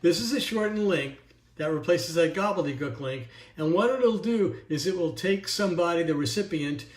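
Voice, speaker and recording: Man, fairly high voice, workshop presenter, casual screen-share walkthrough, ums and restarts, echoey room. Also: lively intonation, moderate pace. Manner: casual, talks while clicking through screens, frequent ums and restarts. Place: indoors at a computer.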